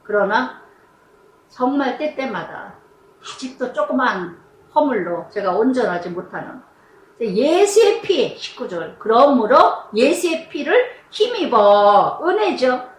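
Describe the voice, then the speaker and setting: A woman's voice: fairly high pitch, big pitch swings, slow, roomy sound. A middle-aged woman pastor giving a chatty devotional sermon, full of rhetorical questions.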